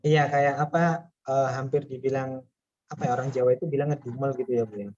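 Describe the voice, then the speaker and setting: A man's voice: mid-range voice, steady tone, a little fast, darkish tone, no room sound, highs cut off. A man taking part in a workshop, answering the trainer in a chatty, agreeable way. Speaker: workshop participant.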